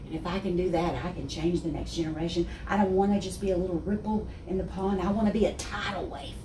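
A guest speaker in her sixties, a Texas native with a strong accent, races through an animated faith testimony in a lowish voice, gesturing throughout and laughing often. The backdrop is a wood-panelled office set with armchairs, with a distant, roomy recording and a faint hiss.

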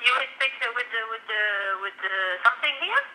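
A woman's voice: fairly high pitch, big pitch swings, pushed and bright, slight background noise. Woman heard over the phone. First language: French. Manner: halting broken English, confused, repeats short phrases. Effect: heard over a phone line. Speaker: fast-food worker answering the phone.

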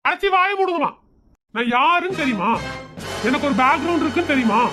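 Cranky young cartoon dude, yells at the neighbours, fast talker. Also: female voice, high-pitched, animated, faint music behind. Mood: angry. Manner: scolding, shouting. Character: short-tempered young man fed up with nosy neighbours. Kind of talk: cartoon comedy voice acting.

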